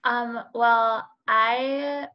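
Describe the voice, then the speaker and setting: A woman's voice: fairly high pitch, fairly even intonation, extremely slow, dull audio. A young woman from India, chatting casually as a panel guest and filling her speech with asides. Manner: chatty, lots of fillers and asides. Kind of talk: casual chat.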